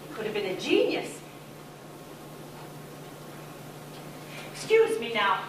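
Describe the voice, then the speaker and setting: A woman's voice: sits high, a bit bright, slight background noise. An actress playing a confused mother fixated on cleaning, talking in a rambling, flustered way, recorded from far off on an echoing stage. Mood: wistful.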